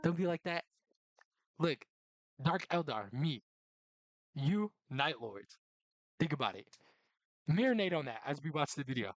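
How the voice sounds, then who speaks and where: A man's voice: a little high, unhurried, long pauses, dry recording. A man co-hosting a casual reaction chat, joking in slang. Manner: excitable slang-heavy banter. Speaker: co-host.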